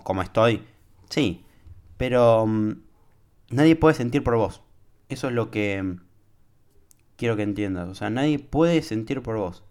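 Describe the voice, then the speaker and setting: A man's voice: fairly low pitch, darkish tone. Young Argentine man hosting a casual podcast. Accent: Argentine Spanish. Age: young adult. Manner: informal, talks straight to the listener, many fillers. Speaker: podcast host. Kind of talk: casual solo podcast monologue.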